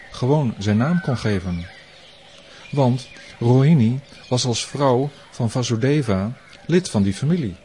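A male storyteller reading a storybook aloud in a calm, measured voice that takes its time to explain. He speaks slowly, with a faint hiss behind him. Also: lowish voice.

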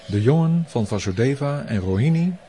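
A man voicing a solemn, wise old grey-haired priest in a storybook reading, speaking earnestly and in hushed tones. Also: mid-range voice, animated, normal speed, slight background noise, pitched above the performer's own voice, natural voice.

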